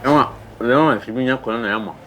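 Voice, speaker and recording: Actor doing blind egyptian son joking with his mom, super fast, music under it. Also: mid-range voice, pushed and bright, natural voice. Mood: tender. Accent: Egyptian Arabic. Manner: teasing, affectionate. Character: blind young man teasing his mother.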